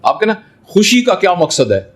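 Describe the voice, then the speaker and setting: Male doctor, interview guest, fatherly, lively intonation, rhetorical questions. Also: high-pitched. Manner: explains through everyday examples and rhetorical questions; fatherly, addresses listener as son. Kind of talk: reflective interview answer.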